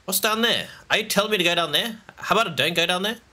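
A man's voice: high voice, quick pace, sharp tone. A man giving let's play commentary, talking to himself as he plays, with frequent exclamations and laughter. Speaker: gaming channel host.

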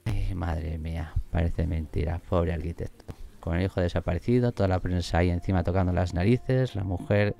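A man commenting on his game as he plays, excitable and swearing often. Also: sits low, moderate pace, vocal fry, faint music behind. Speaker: gaming streamer. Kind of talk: let's play commentary.

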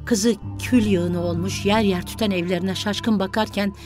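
A woman narrating a literary story in a measured, dramatic reading. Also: medium pitch, fairly even intonation. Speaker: audiobook narrator. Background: soft music.

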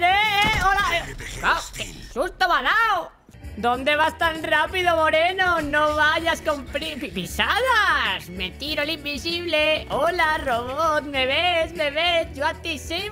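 A man with a Spain Spanish accent voicing a camp, flamboyant, cocky, lewd male soldier in theatrical, taunting gameplay commentary, with shouted catchphrases. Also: extremely high pitch, full character voice. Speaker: gaming YouTuber. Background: game music.

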